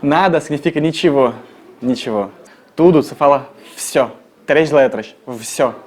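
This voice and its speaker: A man's voice: a little high, a little mellow. Russian-accented man teaching phrases. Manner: joking, slow repeated model words. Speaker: language guide. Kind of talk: casual phrase lesson.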